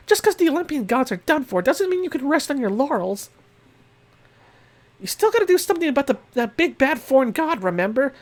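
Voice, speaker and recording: A man voicing a brash young man who pleads urgently in a raised, strained voice. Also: extremely high pitch.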